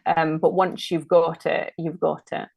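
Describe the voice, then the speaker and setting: A Scottish woman speaking slowly in a low, gravelly voice as she talks through her design work. She chats casually and thinks aloud. The sound is dry and close. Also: level tone, a little mellow, dry recording. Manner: chatty, thinking aloud while working. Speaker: designer guest. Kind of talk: casual live-stream demo.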